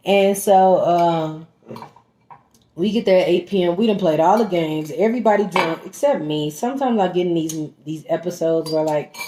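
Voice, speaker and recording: A woman vlogger telling a story in casual chat, animated and emphatic, talking straight to her viewers as "y'all" while eating at home. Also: low-pitched. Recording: roomy echoey room.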